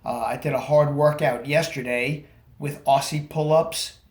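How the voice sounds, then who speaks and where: A man recording a casual video diary, halting and slightly groggy after surgery. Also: on the high side, steady tone, darkish tone. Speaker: vlogger. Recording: echoey room.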